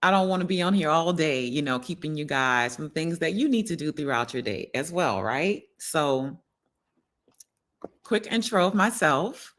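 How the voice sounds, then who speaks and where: At normal speed, a low-pitched voice with lively intonation carries this middle-aged New Orleans woman's wellness livestream. She chats casually and speaks straight to her audience, often looking for agreement.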